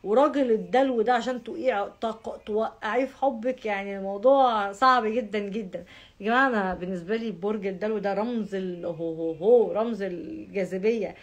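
In a brisk, medium-pitched voice, an astrology vlogger with an Egyptian Arabic accent chats informally with viewers. She emphasizes things by stacking up repeated words, over and over.

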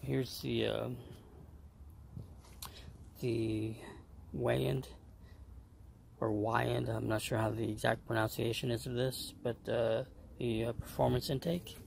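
A man explaining his engine work in a casual, hesitant way, with frequent pauses and fillers as he goes step by step. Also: medium pitch, level tone, creaky, a little mellow, a little hiss or hum. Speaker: home car mechanic.

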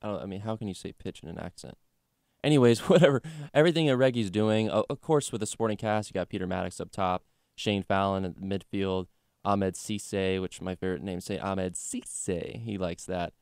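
Chatty young man with a deep voice. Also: fairly quick, clear, resonant tone, no echo, clean studio sound. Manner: chatty, jokey, lots of fillers like "you know" and "like". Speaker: sports podcast co-host. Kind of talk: casual sports chat.

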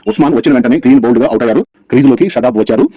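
A man's voice: medium pitch, very fast, warm tone, no echo. A man narrating a scripted cricket match recap as a channel host, rattling through scores over by over. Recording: dull, lo-fi sound.

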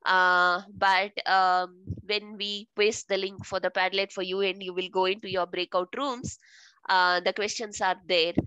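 Bright, crisp woman giving instructions. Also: mid-range voice, steady tone, measured pace, dry recording, rough recording. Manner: many filler sounds, hesitant. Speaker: facilitator. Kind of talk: giving instructions in a video call. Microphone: video call.

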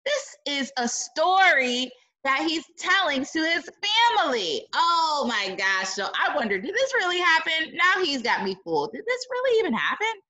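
Reading a picture book aloud to kids in a teacherly way, a high-pitched woman keeps a moderate pace. She's dramatic and expressive, with exclamatory side comments.

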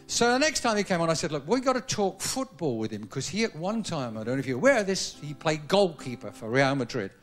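A man's voice: fairly high pitch, big pitch swings, fast, hardly any pauses, faint music behind. A man hosting a talk show, chatting and telling jokey stories. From England. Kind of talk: live studio talk show banter. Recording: lo-fi VHS tape with loud studio audience and band.

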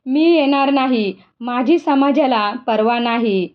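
A woman voicing a hurt, withdrawn young male saint speaking in measured, aggrieved tones, in a dull lo-fi recording. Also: a little high.

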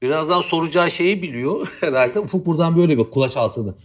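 A man's voice: a little high, fast. A male guest on a talk show, telling a funny story in a playful, amused way. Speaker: guest musician.

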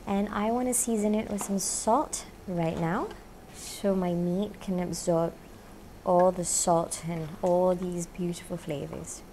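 A chef in her thirties hosts a cooking show from an indoor home-style kitchen studio, chatting upbeat to camera as she cooks and saying "you know" a lot. She speaks slowly in a low, steady, warm voice, and her lapel mic picks up a little hiss or hum.

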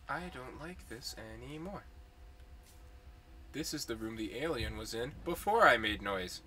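A man's voice: mid-range voice, lively intonation, unhurried, sharp tone, a little hiss or hum. A man playing a horror game, chatting nervously and jokily and sometimes dropping to a whisper. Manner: nervous, jokey, drops to whispers. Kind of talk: casual let's play chatter.

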